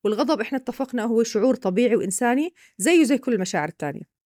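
A woman's voice: fairly high pitch, lively intonation, very fast, a little mellow, dry recording, studio quality. A woman with a Levantine Arabic accent, patiently explaining ideas with examples as a guest expert on a podcast.

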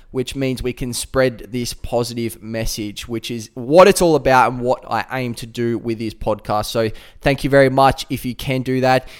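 A young man from Adelaide with a South Australian accent, hosting his own podcast in a relaxed, rambling way with plenty of fillers. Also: medium pitch, clear, resonant tone. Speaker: podcast host. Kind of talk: casual solo podcast talk.

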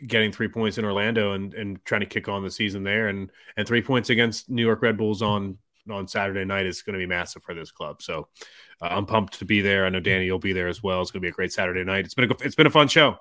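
A man's voice: deep voice, flat delivery, fast, bright, forceful tone, dry recording. A man co-hosting a casual sports podcast, talking loosely with lots of fillers and an upbeat tone. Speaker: podcast co-host. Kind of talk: casual chat.

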